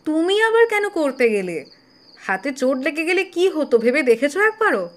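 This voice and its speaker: An actress playing a caring, anxious young wife in an audio drama, questioning and affectionate. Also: female voice, high-pitched, very animated, fairly quick. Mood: worried. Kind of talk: Bengali audio drama acting.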